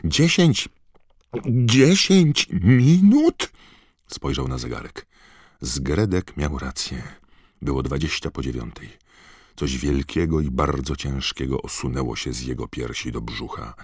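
A man reading a storybook aloud with an expressive, dramatic delivery. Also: a bass voice, moderate pace, breathy edge, dry recording, studio quality. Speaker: audiobook reader. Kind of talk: storybook narration.

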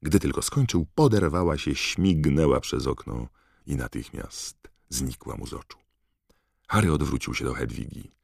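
A man narrating a storybook audiobook in a steady, expressive reading. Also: very deep voice, normal speed, gravelly, no echo, studio quality.

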